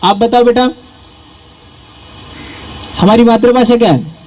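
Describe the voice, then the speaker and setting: A high-voiced Bhili-speaking man from southern Rajasthan, India, addresses a public gathering from the stage as a community speaker. He goes a little slowly with a somewhat dark tone, speaking emphatically and challenging the audience with rhetorical questions. The poor audio carries a little hiss or hum.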